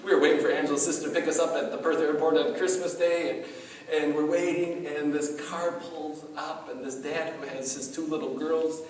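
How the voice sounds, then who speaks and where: A middle-aged male pastor giving a sermon in an animated, conversational storytelling way, with many asides. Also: on the high side, brisk. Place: church hall. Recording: echoey hall, mic far off, faint noise.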